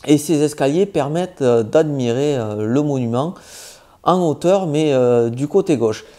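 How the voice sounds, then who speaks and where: A man's voice: on the high side, lively intonation, measured pace, warm tone. A man with a southwestern French accent giving casual, informal travel tips straight to the viewer, with many hesitations as he talks. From southwest France. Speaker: travel vlogger.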